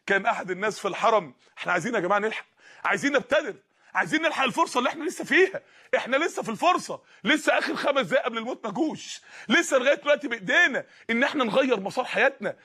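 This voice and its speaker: A man with an Egyptian accent preaching an emotional sermon, rising to shouts and dropping to hushed pleas. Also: high-pitched. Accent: Egyptian Arabic. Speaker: Islamic preacher.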